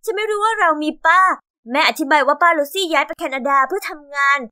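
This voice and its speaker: Very high, bright young woman storyteller. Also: fast talker, no echo, clean studio sound. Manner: earnest first-person storytelling. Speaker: narrator. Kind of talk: scripted narration of an animated story.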